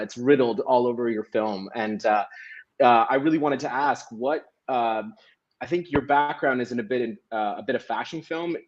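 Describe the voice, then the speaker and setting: A man at a film panel rambles nervously but warmly, piling on praise before finally reaching his question. His voice comes through a dull, lo-fi mic. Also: medium pitch. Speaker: film director. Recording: dull lo-fi sound.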